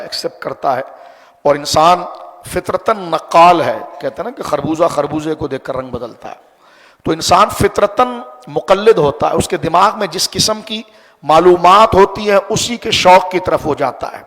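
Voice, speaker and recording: A man's voice: high-pitched, a bit bright, in a large hall. A man, an Islamic scholar, giving a sermon that explains scripture and asks his listeners rhetorical questions.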